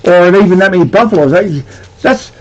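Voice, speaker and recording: A man with a Nova Scotian accent chatting casually and excitedly as he sorts coin rolls, chuckling often. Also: high-pitched, brisk, muffled recording. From Nova Scotia, Canada. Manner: excitable, chuckling, breathless at finds. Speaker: coin roll hunter. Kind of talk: casual chat while sorting coins.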